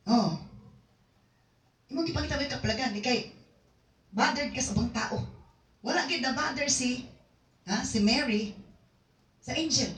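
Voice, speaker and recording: Woman preacher, higher voice, roomy sound. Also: a bit bright. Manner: mixes Cebuano and English, reads verses aloud then explains. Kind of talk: sermon. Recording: echoey room, mic at a distance.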